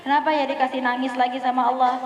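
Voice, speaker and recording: A woman's voice: high-pitched, level tone, quick pace. A woman with a Banjar Indonesian accent giving a chatty sermon to a women's gathering, often asking the audience questions and acting out prayers. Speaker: preacher at a women's study gathering. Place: prayer hall. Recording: echoey, dull live-stream recording.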